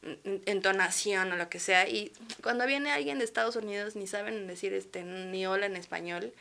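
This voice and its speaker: A woman in her thirties with a Mexican accent, a guest telling stories in a relaxed, chatty way with frequent laughs. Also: mid-range voice, normal speed, gravelly. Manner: lively, chatty storytelling with frequent laughs and fillers. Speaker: guest architect. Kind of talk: casual interview chat.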